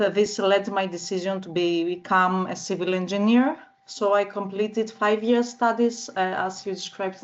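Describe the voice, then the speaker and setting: Slow, flat-voiced Greek woman. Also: lowish voice. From northern Greece. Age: 30s. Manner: measured and halting, frequent filler sounds. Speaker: guest. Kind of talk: interview answers. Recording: slightly muffled audio.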